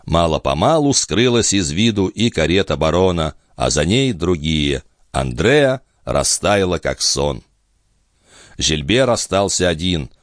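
A man narrating a classic novel in a measured literary reading. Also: low voice, very animated, no room sound, studio quality. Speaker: audiobook narrator. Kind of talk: scripted narration.

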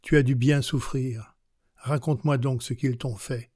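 A man reading as a coaxing mother superior of a convent in an audiobook of a classic novel, speaking slowly and tenderly. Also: mid-range voice, steady tone, warm tone, husky, no room sound.

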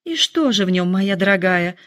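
A woman voicing an excitable, dramatic middle-aged mother who complains in a shrill, lively voice. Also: normal speed, lightly acted. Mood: fretful.

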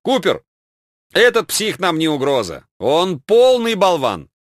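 A man's voice: sits high, huge pitch swings, a little slow, dry recording, studio quality, pitched above the performer's own voice, exaggerated voice. A man voicing a stern, mocking middle-aged spy who barks orders and threatens bluntly, in a comic audiobook. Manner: barked commands and gruff threats.

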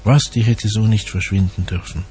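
A man's voice: fairly low pitch, fairly even intonation, a little mellow, a little hiss or hum, close to an everyday voice. A man voicing a haughty, spoiled rich woman. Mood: languid. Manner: languid, sneering, quick to snap. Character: haughty wealthy young woman, spoiled and sharp-tongued. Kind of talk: dramatized audiobook reading.

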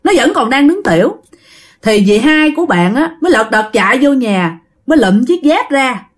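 In a high, very animated voice at normal speed, a woman with a Southern Vietnamese accent recounts a ghost story. The delivery is conversational, with frequent direct remarks to her listeners.

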